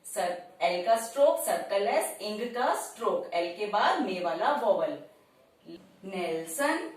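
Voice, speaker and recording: A woman's voice: mid-range voice, lively intonation, takes it slowly, distant mic. A woman teaching shorthand step by step, calling out each stroke in short phrases and repeating every word. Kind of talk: slow step-by-step tutorial. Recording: very echoey room, voice off-mic.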